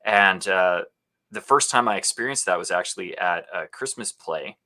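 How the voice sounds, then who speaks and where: At normal speed and with a low pitch, an actor and speaker from Alberta, Canada, tells his story on a podcast. The interview is casual, and he's animated throughout, laughing in bursts and acting out what people said.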